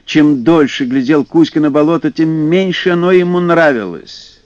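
A man narrating a fairy tale in an expressive audiobook style, in a dull dry recording. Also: a little high, moderate pace, dry recording. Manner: animated, acting out character voices. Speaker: storyteller.

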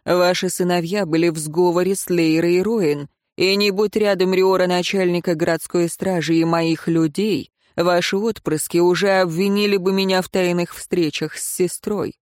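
A cold, curt royal councillor from a storybook, dry and commanding, read by a man in his own low register. The sound is close with no room. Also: fairly even intonation, normal speed, few pauses, no echo, lightly acted.

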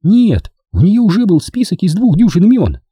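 A man voicing a playful, chatty young woman who teases her lover, raising his pitch high. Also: huge pitch swings, moderate pace, warm tone, breathy edge, no echo, studio quality, heavily acted. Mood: teasing. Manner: chatty, teasing.

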